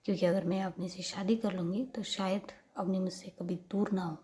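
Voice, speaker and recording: A woman voicing an anxious, clingy young woman in a whispered role-play, with a soft, pleading, hushed delivery. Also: medium pitch, steady tone, brisk, close to an everyday voice.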